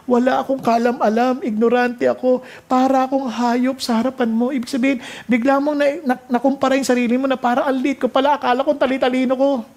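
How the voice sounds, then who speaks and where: A man with a Filipino accent preaching a sermon, mixing Tagalog and English as he reads and explains scripture, with quick bursts and emphatic exclamations. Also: very high-pitched, a little mellow. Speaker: pastor.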